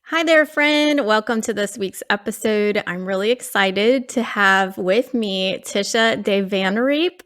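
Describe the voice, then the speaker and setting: A woman's voice: medium pitch, a bit bright, dry recording, studio quality. A woman hosting a faith podcast interview, encouraging and affirming as she talks with her guest. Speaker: podcast host.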